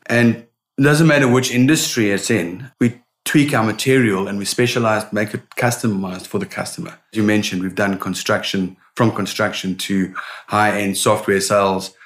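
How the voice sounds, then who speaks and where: A middle-aged man, a sales consultant, answering interview questions in an animated storytelling manner with frequent restarts. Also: lowish voice, moderate pace. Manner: animated storyteller, repeats words when starting.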